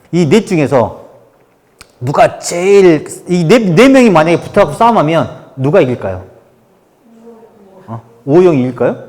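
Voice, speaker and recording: A man giving a workshop lecture on workplace communication, talking in a lively way and acting out the remarks people make. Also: a little high. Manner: lively, animated, acts out quoted remarks. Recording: hall reverb.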